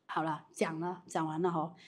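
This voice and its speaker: A woman leading a live business training with audience questions, animated and quick to restart her sentences. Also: low voice.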